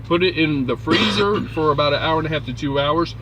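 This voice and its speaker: A man's voice: a little high, fairly quick. Folksy man chatting over faint vehicle noise. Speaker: livestream host, trucker. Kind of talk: casual chat.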